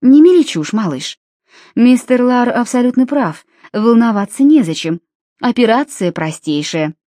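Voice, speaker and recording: A woman reading an audiobook, voicing a composed mother of twins who speaks in a measured, quietly strained way. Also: fairly high pitch, sing-song, dry recording, studio quality. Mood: firm. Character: tense, composed mother of twins, forcing calm.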